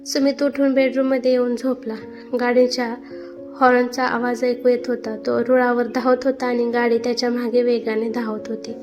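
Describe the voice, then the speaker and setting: High-voiced woman storyteller. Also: flat delivery, normal speed, dull audio. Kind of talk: scripted story narration. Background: soft background music.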